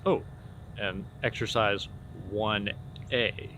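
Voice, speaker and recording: A man talking as a casual drama teacher, informally explaining and demonstrating theater warm-up exercises. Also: lowish voice, slow pace. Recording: clear steady background noise.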